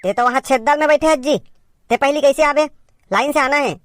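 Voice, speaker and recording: A woman's voice: high-pitched, a little fast, no room sound, studio quality. A woman with a Chhattisgarhi accent performing a comedy sketch as a bossy teacher who scolds and directs her pupils.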